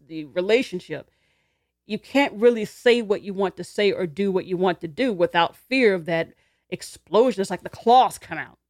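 A woman speaks in an explanatory, conversational way, like a teacher walking listeners through a list. Her pitch sits in the middle, and she lightens things with quick laughing asides and little acted-out quotes. The recording is close and dry, with no room echo. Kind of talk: explanatory talk to camera.

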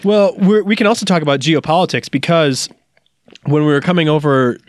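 A man's voice: a little high, a little fast, no echo. Dry-humoured man chatting on a podcast. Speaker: podcast co-host. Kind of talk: casual comedic chat.

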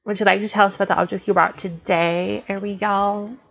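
A woman's voice: mid-range voice, level tone, fairly quick, creaky, breathy edge, highs cut off. A woman co-hosting a podcast, reading an opening and introducing a guest in a friendly, loosely scripted way. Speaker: podcast co-host.

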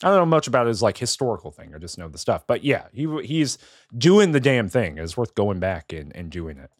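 A man co-hosting a podcast, chatting casually about a book, rambling with many fillers and quick laughs. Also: on the low side, big pitch swings, no room sound, studio quality. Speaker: podcast co-host.

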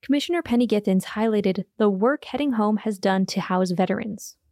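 A woman radio reporter reading scripted local news narration with an even delivery. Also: medium pitch, a little fast, no echo, studio quality.

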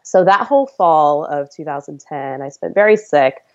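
Speaking low and animated at a moderate pace, a woman in her 30s shares her story as a podcast guest, earnest and chatty. The high frequencies of the recording are cut off.

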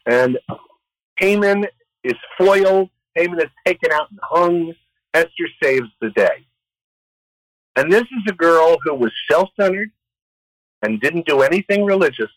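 A man retelling a story with expressive, wisecracking delivery, then answering questions as a guest scholar. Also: fairly high pitch, measured pace, pauses often, no room sound, poor audio. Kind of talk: animated storytelling.

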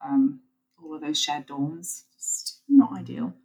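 A young British woman co-hosts a relaxed podcast chat. Her voice sits on the low side and sounds croaky with illness. She talks in an enthusiastic, chatty way. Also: takes it slowly, poor audio. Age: 20s. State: croaky from being ill. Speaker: podcast co-host. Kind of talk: casual chat.

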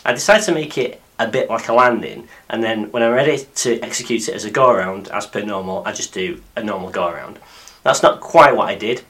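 A man hosts a scripted flying podcast. His voice is deep and croaky from being unwell. He narrates as a pilot telling his own story. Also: fairly quick, a bit bright. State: croaky after a week of flu-like illness. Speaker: podcast host and microlight pilot.

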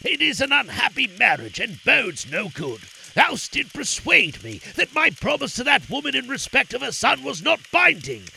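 A wrathful old sultan, voiced by a man reading aloud, barks his orders with booming force. His pitch leaps and falls as he commands, the tone bright and gravelly. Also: slight background noise, heavily acted. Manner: booming, imperious.

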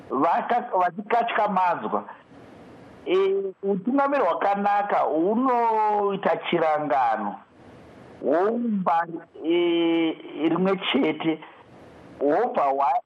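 A man with a Zimbabwean Shona accent giving live commentary as a guest analyst, deliberate and halting, restarting words. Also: high voice. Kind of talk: political commentary in a live discussion. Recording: slightly muffled remote line.

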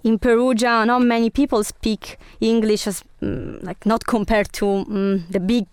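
Chatty high-voiced woman interviewer, clear tone. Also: fairly even intonation, measured pace, no echo. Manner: chatty, encouraging. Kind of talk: casual conversational interview.

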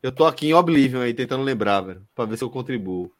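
A man's voice: mid-range voice, animated, fast talker. Hesitant Brazilian podcast co-host, man. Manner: hesitant, restarts while trying to remember. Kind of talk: casual chat.

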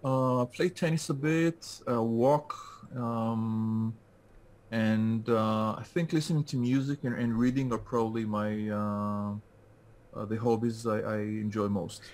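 On a casual call-in interview, a guest from France who specializes in LinkedIn talks at a measured pace. His lowish, darkish voice stays fairly even, though he hesitates and restarts a lot.

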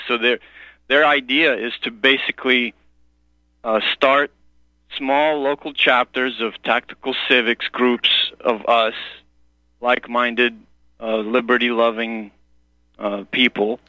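A man heard over a dull phone line, his voice bright and sharp yet muffled by the call. He talks slowly, rambling and halting as he searches for words. He is calling in to a radio show. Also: mid-range voice, no room sound. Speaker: caller.

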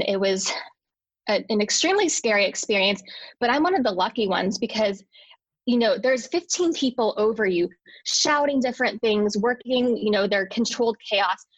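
A woman's voice: mid-range voice, a bit bright, dry recording, low-quality recording. A young adult woman who works in a hospital, earnestly telling a personal story, restarting phrases and using medical terms. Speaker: interview guest, hospital worker.

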